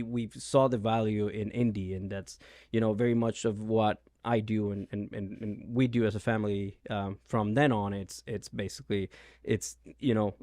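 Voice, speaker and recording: A man's voice: lowish voice, darkish tone, dry recording, studio quality. A man in his thirties from Venezuela with a Venezuelan Spanish accent, a realtor answering interview questions with many ums and restarts. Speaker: realtor, guest. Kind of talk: casual interview.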